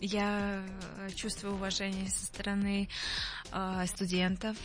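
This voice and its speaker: A woman's voice: medium pitch, monotone, a little slow, faint music behind. A young woman singer, a guest on a radio show, answering questions in a friendly way and laughing easily. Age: young adult. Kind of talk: radio interview.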